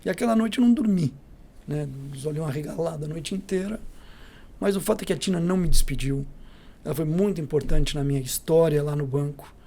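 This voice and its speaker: A middle-aged Brazilian man with a Brazilian Portuguese accent, a company CEO telling lively anecdotes as a podcast guest, acting out the dialogue. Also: on the high side, a little fast. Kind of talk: storytelling in a podcast interview.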